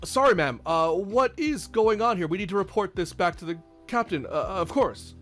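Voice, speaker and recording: A man's voice: high voice, expressive, moderate pace, fairly bright tone, soft background music, voice pushed up. A man voicing flustered male city guards in a tabletop game, stammering and hesitant. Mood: startled.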